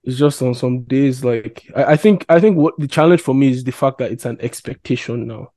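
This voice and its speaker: A man's voice: mid-range voice, brisk, dark tone, dry recording. A young adult man, chatting casually on a podcast and thinking aloud in a reflective, hesitant way. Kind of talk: casual chat.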